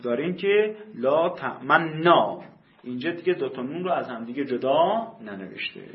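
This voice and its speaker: A man teaching a grammar class, explaining rules slowly and repeating key terms for emphasis. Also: a little high, expressive. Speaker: teacher of Quranic Arabic grammar. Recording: echoey room, dull lo-fi sound.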